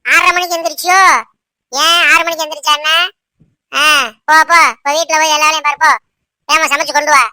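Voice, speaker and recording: A woman voicing a sharp-tongued, domineering old mother-in-law in a cartoon, scolding and bossing her daughter-in-law. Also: sits high, steady tone, a little fast, long pauses, no room sound. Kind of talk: cartoon voice acting.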